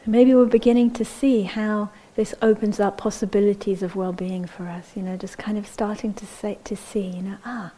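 A woman meditation teacher speaks in a mellow, warm-toned voice at an everyday pitch. She gives a gentle, unhurried dharma talk, often checking in with a soft "yeah?". At times her voice drops to a breathy near-whisper. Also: fairly even intonation, low-quality recording.

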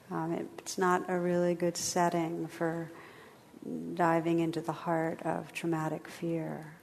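A woman meditation teacher speaking gently and soothingly, unhurried, as she guides and reflects with a class. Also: on the low side, slight background noise. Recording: reverberant hall.

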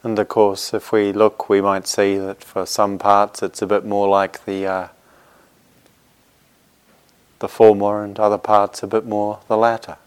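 Guiding a meditation, a man speaks in a fairly low, very smooth voice with a level tone and moderate pace. Like a teacher settling students into practice, he is gentle and reassuring, using short phrases with plenty of space between them, though with few pauses.

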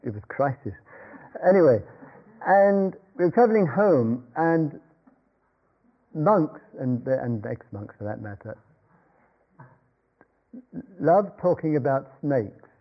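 A man's voice: a little high, lively intonation, takes it slowly, pauses often. An older man giving a meditation talk, rambling through an anecdote with chuckles and restarts. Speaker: meditation teacher. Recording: dull lo-fi talk recording.

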